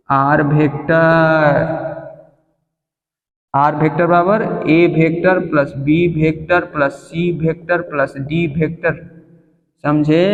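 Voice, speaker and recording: A man's voice: high voice, darkish tone. A male physics teacher giving a classroom lesson, explaining through everyday stories and constantly quizzing his students. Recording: echoey hall, dull sound.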